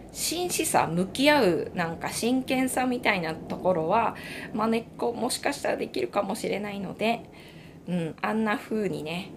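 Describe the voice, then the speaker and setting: Gravelly-voiced woman, chatty knitting talk. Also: mid-range voice, background noise. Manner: chatty, laughs often, soft and reflective. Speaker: knitting channel host. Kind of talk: casual radio-style talk.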